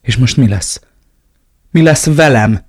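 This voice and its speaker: A man's voice: mid-range voice, husky, dry recording, studio quality, voice pushed up, close to an everyday voice. A man voicing a frightened, betrayed young woman in an audiobook, pleading and distraught. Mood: panicked. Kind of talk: audiobook reading.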